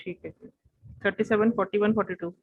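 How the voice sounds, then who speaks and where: Brisk woman teacher on a video call, dry and muffled lo-fi audio. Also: mid-range voice, fairly even intonation, breathy edge, dry recording. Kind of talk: online class roll call and lecture.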